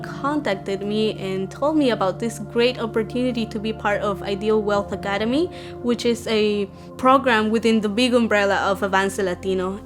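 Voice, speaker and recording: A young woman from Guatemala with a Guatemalan accent, telling her own story in an earnest, measured way with fillers and restarts. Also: mid-range voice. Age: young adult. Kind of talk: personal testimony.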